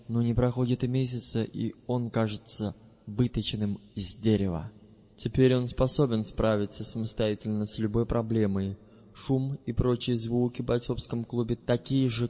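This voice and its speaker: A man narrating an audiobook in the first person, his mid-pitched voice measured and deliberate. The sound is slightly muffled and lo-fi, with a long reverb trailing after each phrase. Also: mellow. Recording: dull recording with long reverb.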